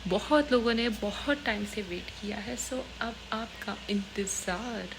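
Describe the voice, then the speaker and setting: A woman's voice: medium pitch, a little slow, noisy background. A woman from Pakistan giving a chatty, affectionate vlog tour of her small apartment, repeating words like "pyari si". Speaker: vlogger.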